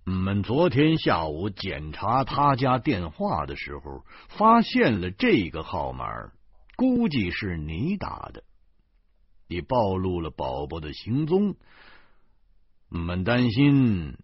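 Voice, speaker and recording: Man doing a calm, wry older policeman. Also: sits low, slow pace, husky, no echo, exaggerated voice. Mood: dry calm. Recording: dull lo-fi recording.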